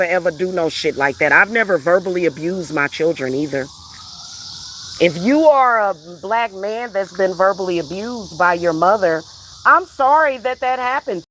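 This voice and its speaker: A woman's voice: lowish voice, pushed and bright, slight background noise. A woman vlogger ranting in a heated, emphatic, profane way, repeating herself for emphasis. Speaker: vlogger and spiritual reader. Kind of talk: heated personal rant.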